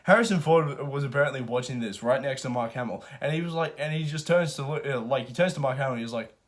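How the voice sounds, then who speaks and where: A man rambles through a casual film review. He swears freely and sounds excited. His voice sits at a middle pitch. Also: quick pace.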